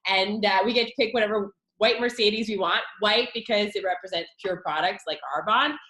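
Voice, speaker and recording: A woman pitching her network marketing business in an excited, chatty way, with many fillers. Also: brisk. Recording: echoey room.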